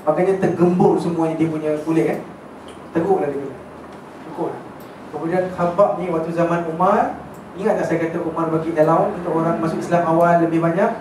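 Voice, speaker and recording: A high-voiced man teaching a religious class, telling the story in a chatty way and often checking that his listeners follow. He is recorded from a distance in a very echoey hall. A faint hiss sits behind him. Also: fairly even intonation, fast talker. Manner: chatty, checks in with listeners, mixes in English words. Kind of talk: casual lecture storytelling.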